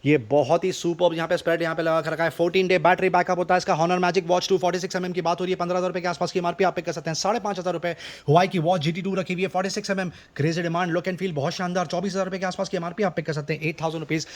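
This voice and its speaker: An Indian man with a high voice presents shop deals at an extremely fast pace. His delivery is an overeager teleshopping pitch, insistent and repetitive, rattling through items and prices. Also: level tone. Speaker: shop presenter selling discounted goods. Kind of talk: rapid-fire teleshopping sales pitch.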